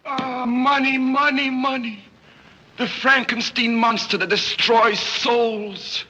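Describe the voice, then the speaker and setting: An actor playing a gloomy, theatrical foreign artist sponging off a rich family in 1930s screwball comedy banter, mournful and melodramatic. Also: male voice, extremely high pitch, steady tone, slow, bright, forceful tone, highs cut off, full character voice. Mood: melodramatic despair.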